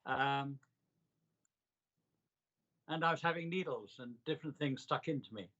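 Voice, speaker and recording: An older man telling reflective personal stories in an interview, with a measured, emphatic delivery in short, deliberate phrases. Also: mid-range voice, sharp tone, dull audio. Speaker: interviewee recounting a hospital stay.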